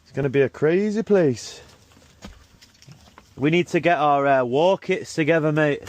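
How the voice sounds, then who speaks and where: A man's voice: fairly high pitch, unhurried. A man chatting casually and using matey slang as he works and instructs a helper. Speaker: car detailer filming and instructing a young helper. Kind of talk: casual chat while working. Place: in and around a vehicle being cleaned. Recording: background noise from vehicle work.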